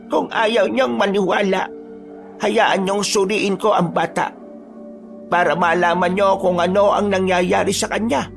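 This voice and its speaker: A wise old village healer woman with a high, gravelly voice, as a man puts her on. She speaks calmly and knowingly in a spoken horror tale. Faint music plays under her. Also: measured pace. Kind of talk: storytelling voice acting.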